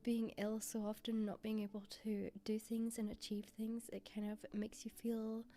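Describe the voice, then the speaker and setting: Sick-sounding young Scottish woman, mellow voice. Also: fairly high pitch, completely flat delivery, normal speed. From Scotland. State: sick with a cold. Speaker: vlogger. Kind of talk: casual sit-down vlog talk.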